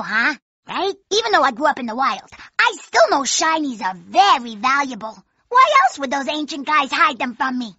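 Casting: wild young female badger in an animated game; feisty, oddball, excitable, wildly swooping pitch, sharp tone. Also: husky, dry recording, lo-fi sound, heavily acted. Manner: excitable, quirky, exclamatory. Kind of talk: animated video game character acting.

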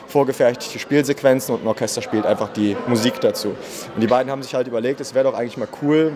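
A man in his thirties with a mid-range, slightly mellow voice, a marketing manager and musician, answers interview questions chattily with lots of fillers. He's in an indoor room at a festival, speaking into a handheld mic held by the interviewer.

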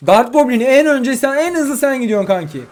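A young man giving live commentary on his own mobile game matches, excitable and quick to vent frustration at his opponents. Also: extremely high pitch. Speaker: gaming YouTuber. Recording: faint music behind.

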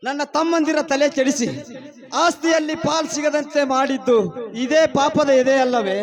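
A man playing a righteous avenging younger brother in a stage drama, accusing in forceful declamation. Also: extremely high pitch, normal speed. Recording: stage music behind.

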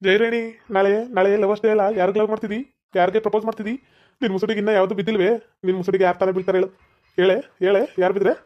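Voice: medium pitch, flat delivery, racing, lo-fi sound, natural voice. A voice actor with a North Karnataka Kannada accent voicing a teasing young village man in a comedy cartoon. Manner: teasing, mocking. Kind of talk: comic cartoon voice acting.

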